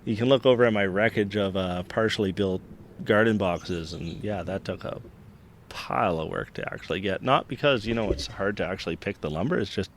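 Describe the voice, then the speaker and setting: A man's voice: lowish voice, brisk, a little hiss or hum. A man chatting casually and telling rambling, self-interrupting anecdotes outdoors in a backyard. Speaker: podcast co-host. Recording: faint outdoor backyard ambience.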